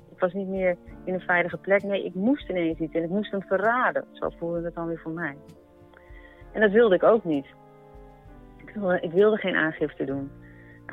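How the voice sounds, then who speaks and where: Woman telling her story over narrow radio sound. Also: on the low side. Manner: reflective, halting storytelling. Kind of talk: personal account. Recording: narrow radio-broadcast sound, faint music.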